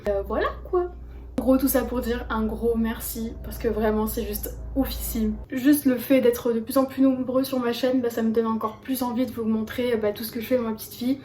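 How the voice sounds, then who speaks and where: This casual vlog features a bubbly teenage girl who sounds congested and is losing her voice, constantly dropping in fillers like "euh" and "bah." Her voice is a little high and mellow, with fairly even intonation at a normal speed, and a little hiss or hum can be heard.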